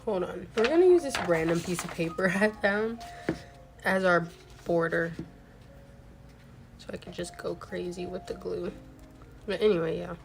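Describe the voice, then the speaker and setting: Still a bit hoarse from a cold, this young crochet streamer chats aimlessly from her home setup, sprinkling in plenty of "like." Her low, creaky voice keeps a moderate pace with frequent pauses, over faint background music.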